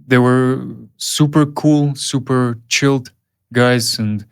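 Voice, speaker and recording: A man, a film director telling stories in a relaxed interview. His pitch sits in the middle range for a man. He talks in halting runs, full of fillers and restarts. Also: clean tone. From Uyghur region, Central Asia. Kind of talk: casual interview storytelling.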